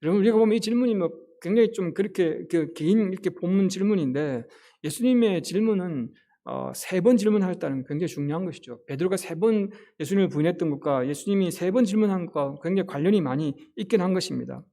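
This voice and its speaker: A male pastor delivers an earnest sermon and keeps asking the congregation rhetorical questions. His voice sits high for a man, with a gravelly edge and a dark, mellow tone. He talks fast. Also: lively intonation.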